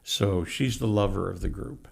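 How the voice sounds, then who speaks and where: A man's voice: on the low side, moderate pace, a little mellow. A middle-aged man who runs a horse carriage farm, telling folksy stories about his horses in a casual interview. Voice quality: gravelly. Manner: folksy, anecdotal storyteller.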